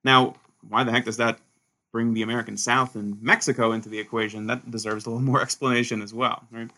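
Bright-voiced animated male historian. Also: mid-range voice, fast talker. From Sweden. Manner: animated, frequent restarts and "right?" tags. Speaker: historian, author guest. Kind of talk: conversational interview answers.

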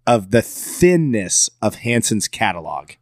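A man's voice: on the low side, very animated, measured pace, darkish tone, no echo, clean studio sound. A man co-hosting a podcast, chatting casually, telling stories and teasing his partner. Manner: joking, storytelling, teasing. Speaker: podcast co-host. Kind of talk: casual chat.

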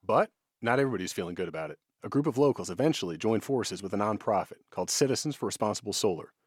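A man's voice: fairly low pitch, expressive, fast, breathy edge, dry recording, clean studio sound. An American man reading scripted news narration as a radio reporter.

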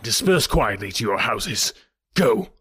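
A man reading aloud as a furious male ruler who shouts commands with his voice trembling in rage. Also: on the low side, sing-song, takes it slowly, breathy edge, dry recording, clean studio sound, exaggerated voice. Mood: enraged.

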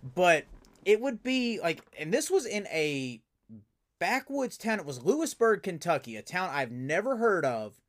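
A man, a professional wrestler, telling stories as a guest in a casual interview, animated and full of fillers and restarts. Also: sits high, a little slow.

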